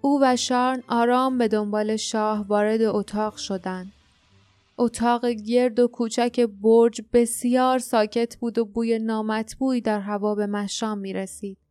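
A woman narrating an audiobook in a steady, measured reading voice. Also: a little high, clean tone, no room sound, soft background music.

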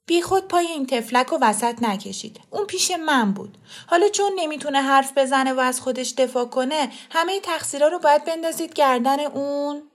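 A sharp-tongued middle-aged mother, as a woman reader plays her in a storybook reading. Her voice sits a little high, and she argues hotly in defence of her child. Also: natural voice. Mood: defiant. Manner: heated, quick to defend.

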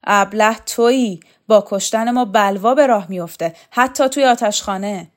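A woman voicing a defiant, scornful woman prisoner in an audiobook, speaking loudly. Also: mid-range voice, lively intonation, vocal fry, voice pushed up.

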